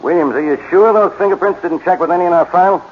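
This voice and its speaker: An actor playing a gruff, irritable, impatient police inspector with an American accent in a 1940s radio detective drama, curt and exasperated. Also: male voice, high-pitched, fast talker, natural voice. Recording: dull, noisy 1940s radio recording.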